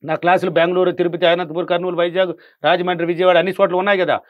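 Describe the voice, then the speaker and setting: Rapid-fire high-voiced man coaching. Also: flat delivery, dry recording, narrow, tinny audio. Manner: emphatic, repeats points, quizzes the listener. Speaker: money affirmation coach. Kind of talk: guest in a casual interview.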